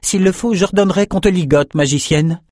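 A man's voice: sits high, brisk, darkish tone, dry recording, studio quality, voice pushed up. Man doing a haughty commanding woman leader. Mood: menacing. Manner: threatening, commanding.

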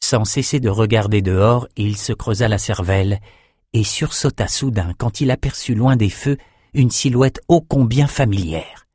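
A man narrating a novel in a steady, measured audiobook reading. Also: fairly low pitch, slightly rough, dry recording, studio quality.

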